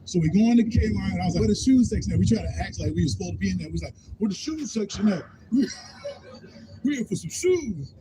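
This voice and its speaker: A man with a high voice tells a story in a loose, animated way, acting out everyone's lines. The live stream is noisy behind him. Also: rapid-fire, hardly any pauses. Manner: animated, acts out quotes in different voices. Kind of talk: casual stand-up style storytelling.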